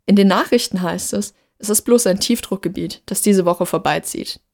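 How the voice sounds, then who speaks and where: A woman reading aloud and voicing a young female roommate who calls out in raised, bright bursts. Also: medium pitch, moderate pace, lightly acted. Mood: anxious. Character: young woman roommate, cheerful then frightened.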